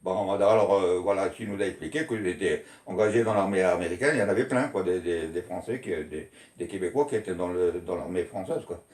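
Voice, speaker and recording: A man's voice: low-pitched, fairly quick, hardly any pauses, darkish tone. Older man, colloquial storyteller, rambles, laughs often, roomy echo. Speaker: storyteller recalling childhood. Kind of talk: casual reminiscing. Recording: echoey room.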